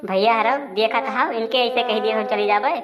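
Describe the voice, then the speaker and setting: Complaining wife in a comedy sketch, fairly high voice. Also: female voice, steady tone, normal speed, crowd noise. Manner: scolding, complaining.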